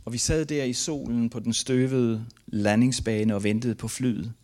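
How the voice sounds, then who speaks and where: A man's voice: medium pitch, fairly even intonation, darkish tone. Grieving man reading his memoir aloud. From Denmark. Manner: earnest, grief-laden, halting reading. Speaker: missionary giving a testimony.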